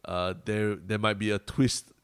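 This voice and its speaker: A man's voice: on the low side, little pitch movement, measured pace, a bit bright, clear, resonant tone, no room sound. A man with a Singaporean accent co-hosting a casual podcast discussion, peppering his talk with Singlish particles like lah. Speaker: podcast co-host.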